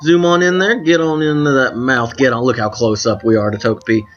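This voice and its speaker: A man's voice: mid-range voice, fairly even intonation, brisk, muffled recording, soft background music. A man hosting a let's play of a drawing game, chatting casually with rambling, self-correcting asides to viewers while his voice cracks now and then. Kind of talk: casual gameplay commentary.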